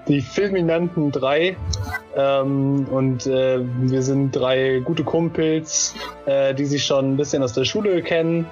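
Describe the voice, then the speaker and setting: A young man in his twenties chats casually and hesitantly on a podcast. His voice is mid-pitched. The sound is dull and lo-fi, with faint music behind him. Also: steady tone, slow pace, a little mellow. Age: 20s. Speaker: podcast co-host. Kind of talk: casual chat.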